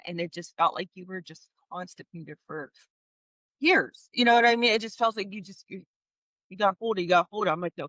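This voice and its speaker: Brief: thirties mom guest, animated and laughing, crisp bright tone. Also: female voice, fairly low pitch, no echo. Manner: animated, laughing, many restarts. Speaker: podcast guest. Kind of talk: candid storytelling chat.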